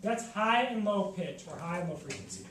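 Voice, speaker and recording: A woman's voice: mid-range voice, expressive, normal speed, over loud music. A woman teaching a chemistry class, asking questions and coaxing her students to answer. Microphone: camera across the room. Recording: echoey classroom, distant camera, noisy.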